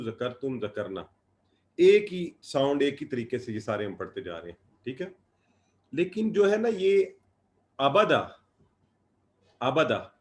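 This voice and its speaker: A man leads an Arabic grammar lesson. He explains patiently in a mid-pitched voice and drills verb forms in slow, repeated lists. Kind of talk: online class lecture.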